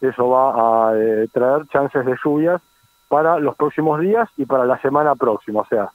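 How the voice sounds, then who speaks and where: A man's voice: medium pitch, normal speed, no room sound. Argentine weatherman on a phone-like line. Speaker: weather forecaster. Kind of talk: conversational weather report. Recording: thin, phone-like radio call.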